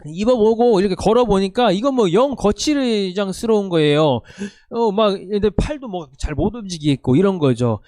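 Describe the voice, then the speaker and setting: Animated man preaching to teenagers. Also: sits high, no echo, clean studio sound. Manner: animated, conversational, asks the listeners questions. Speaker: youth pastor. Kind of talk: sermon to a youth group.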